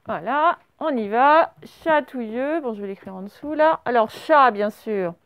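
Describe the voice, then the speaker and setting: High-pitched woman, primary teacher, patient, encouraging, spells words aloud. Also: animated, muffled recording, a little hiss or hum. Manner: slow, spells out words letter by letter. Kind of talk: dictation lesson for young children.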